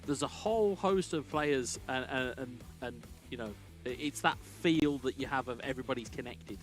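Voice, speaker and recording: A man's voice: mid-range voice, normal speed. A man co-commentating an esports tournament live. He explains things in a chatty, friendly way and restarts his phrases often. Faint music sits behind him. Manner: chatty and explanatory, frequent fillers and restarts, laughs easily.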